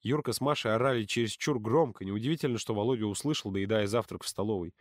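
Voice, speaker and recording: A man's voice: lowish voice, quick pace, no echo. Man narrating an audiobook, dry.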